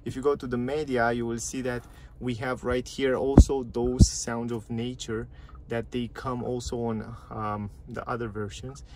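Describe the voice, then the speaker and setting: Heavy background noise accompanies a male car reviewer's casual walkthrough of the dashboard and touchscreen menus in a parked car. He speaks at a measured pace in a medium-pitched, level tone, chatty and repetitive, with non-native grammar.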